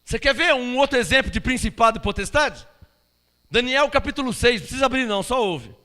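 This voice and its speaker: A man's voice: extremely high pitch, lively intonation, fast talker, sharp tone. A man preaching a sermon, emphatic and full of rhetorical questions to his congregation. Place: church hall. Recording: long church-hall reverb.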